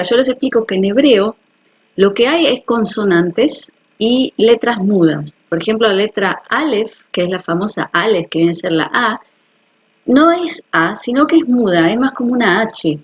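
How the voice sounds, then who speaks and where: Husky woman talking earnestly to viewers. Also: mid-range voice, lively intonation, a little slow, muffled recording. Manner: earnest, personal, repeats "¿ok?" to check viewers follow. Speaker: health video host. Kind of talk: casual explanatory talk to viewers.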